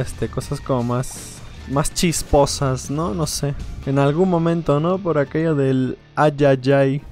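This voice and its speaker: A man's voice: medium pitch, a little mellow. Playful man rambling over gameplay. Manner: playful, rambling, jokey, laughs often. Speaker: gaming video creator. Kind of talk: let's play commentary.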